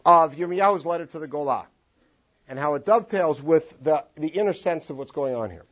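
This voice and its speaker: On the high side and brisk, a Los Angeles man's voice leads an animated classroom text study. He draws phrases out into long sung tones, all captured on a dull lo-fi classroom recording.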